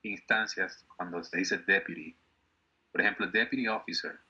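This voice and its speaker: Male teacher, patient and explanatory, bright edgy tone on dull call audio. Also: deep voice, husky. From Ecuador. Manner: patient, explanatory, repeats words slowly for students. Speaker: English teacher. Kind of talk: online class instruction.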